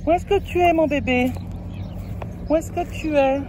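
A woman's voice: high-pitched, moderate pace, noisy background. A French woman chatting casually on her road-trip vlog, outdoors at a camper stop, fondly talking to her cat between remarks. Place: outdoors at a camper van area.

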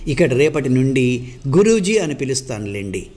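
A man's voice: medium pitch, sing-song, moderate pace, a little mellow, lightly acted. A man voicing a humble young laborer who earnestly and respectfully pleads to learn music. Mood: earnest pleading.

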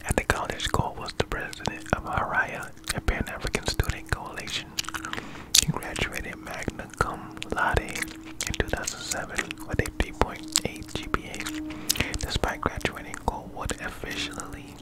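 A young man reads facts in a soft, breath-only whisper for ASMR. He is very close to the microphone in a small room and chews gum as he goes. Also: very high voice, huge pitch swings, moderate pace, poor audio. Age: young adult. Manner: chewing gum while whispering; soft, unvoiced whisper throughout. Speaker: ASMR video host. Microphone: close condenser microphone with furry windscreen.

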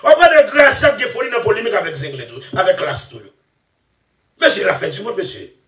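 A man talking in a rambling, excitable way, laughing often and trailing off into mumbles. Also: high voice, a little fast. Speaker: musician interviewee. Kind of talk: animated rambling interview talk. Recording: echoey room, far from mic.

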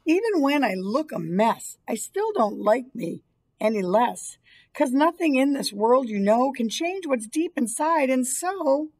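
A woman in her fifties reads a children's picture book aloud the way a teacher would, in a small indoor school room or library. Her voice is high-pitched and animated, with a darkish tone and an unhurried pace.

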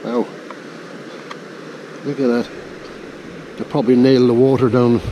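A man's voice: mid-range voice, little pitch movement, unhurried, muffled recording. Irish man commenting on a riverbank. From Ireland. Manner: wry, chuckling at small finds while hauling rope. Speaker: magnet fishing vlogger. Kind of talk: casual running commentary. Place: outdoors on a grassy riverbank. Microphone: head-mounted action camera. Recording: outdoor wind noise.

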